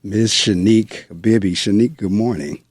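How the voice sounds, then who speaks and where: A man's voice: on the low side, normal speed, darkish tone, husky, dry recording. A middle-aged man, a school principal, hosting a radio book show and introducing his guest in a conversational way. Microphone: studio microphone.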